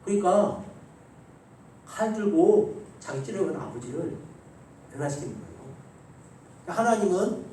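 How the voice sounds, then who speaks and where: A male pastor delivers a Sunday sermon as emphatic storytelling, rising loud and dropping soft. His voice sits a little high and reaches the mic from far off. The church hall is very echoey, with a faint ambient hum underneath. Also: very animated, moderate pace, pauses often. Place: church sanctuary.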